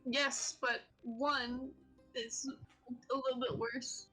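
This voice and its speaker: A woman's voice: high voice, little pitch movement, slow, sharp tone, husky, soft background music. A woman playing a tabletop game, blunt and exclamatory, over a video call. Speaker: player. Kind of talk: tabletop role-play.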